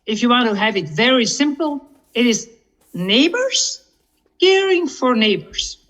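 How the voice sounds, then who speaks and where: A woman from Belgium, a nonprofit executive director, chatting as a guest in a warm, encouraging way. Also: on the high side, highs cut off. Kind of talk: casual interview.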